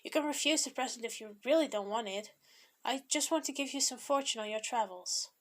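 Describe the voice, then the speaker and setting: A woman's voice: fairly high pitch, brisk, lightly acted. A woman reading aloud and voicing a kind older man who patiently explains a gift. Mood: kindly. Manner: warm and explaining.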